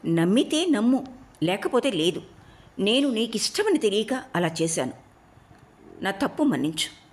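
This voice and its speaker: A woman voicing a calm, well-meaning elder wife who speaks earnestly in an audiobook. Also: mid-range voice, unhurried, voice pushed up. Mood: hurt. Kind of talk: audiobook role reading.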